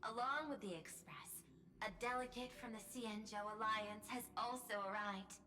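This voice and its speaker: A woman's voice: on the high side, normal speed, bright, forceful tone. An actress voicing a poised, calculating woman CEO in a video game, formal and faintly menacing.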